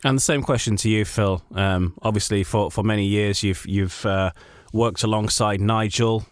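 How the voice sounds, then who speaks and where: Low-voiced male podcast host, dry. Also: steady tone, moderate pace, no room sound. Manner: hesitant questions, smoother scripted links. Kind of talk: podcast interviewing and links.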